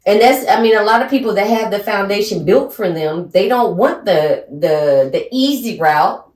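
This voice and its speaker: A blunt woman in her forties co-hosts a casual podcast chat, her pitch swinging freely as she talks. She laughs often. The sound is roomy, with the mic set some way off. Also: expressive, moderate pace, darkish tone, recorded from a distance. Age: 40s. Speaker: podcast co-host.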